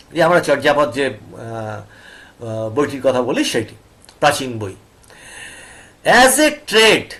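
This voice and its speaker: A man teaching an English reading passage, explaining it in Bengali. He reads the English slowly word by word, breaks words into syllables, and keeps asking his students if they follow. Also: mid-range voice, a bit bright. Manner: asks students checking questions.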